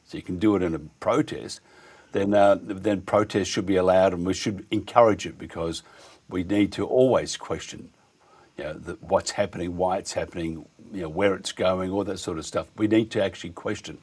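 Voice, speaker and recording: A man hosting a conversational radio interview, speaking in a halting, rambling, opinionated way. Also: deep voice, fairly even intonation, darkish tone, slightly rough. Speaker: radio host.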